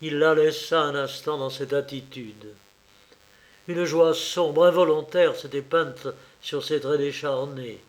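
A man narrates an audiobook in a fairly high voice. His delivery is slow and measured. Now and then he hesitates slightly. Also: fairly even intonation. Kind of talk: audiobook reading.

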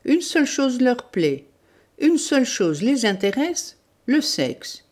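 A woman's voice: on the low side, expressive, takes it slowly, darkish tone. A woman reading the part of a sarcastic, condescending Russian man in a storybook. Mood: scornful. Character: mocking, scornful Russian man.

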